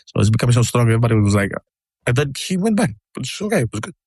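A man from Greece co-hosting a podcast, talking excitedly and repeating himself in casual sports chat. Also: medium pitch, slightly rough, dry recording, studio quality. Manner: fast, excitable, repeats words and says "bro". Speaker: podcast co-host.

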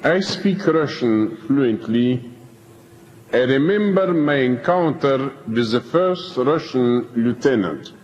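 Recounting his prison experience to an audience, an older preacher speaks slowly and emphatically, pausing deliberately between phrases. His medium-pitched voice is a little mellow, with lively intonation, captured on dull lo-fi archive tape in a reverberant hall.

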